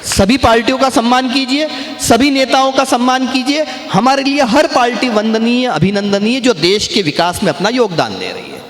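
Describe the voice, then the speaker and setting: A man performing comic poetry on stage, chatting to the crowd and then drawing out his verses slowly and with force. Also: very high voice, lively intonation. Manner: chatty asides to the crowd between slow, drawn-out, declaimed verses. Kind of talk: humorous poetry recitation to a live audience. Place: live poetry-gathering stage in a large hall. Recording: echoey hall with long reverb, faint ambience.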